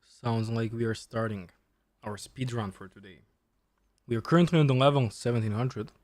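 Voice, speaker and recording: A chess streamer in his twenties keeps up easygoing chat and commentary on play, with frequent repeated short phrases. He talks at normal speed in a medium-pitched, slightly mellow voice, with no room sound.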